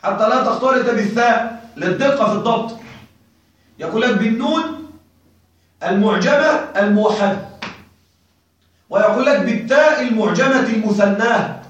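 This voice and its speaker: A man teaching a classroom lesson, questioning his listeners often and slowing down to spell out word forms. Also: very high voice, very echoey, recorded from a distance, dull audio. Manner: checks on listeners with frequent questions; slow and deliberate when spelling out word forms. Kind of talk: classroom lecture on Arabic grammar.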